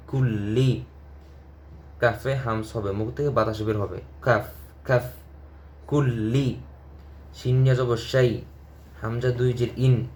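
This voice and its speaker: A man teaching Quran recitation, spelling out each syllable and repeating it, then chanting whole verses in a higher, drawn-out voice. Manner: slow, syllable-by-syllable drilling, recited verses rising high and drawn out.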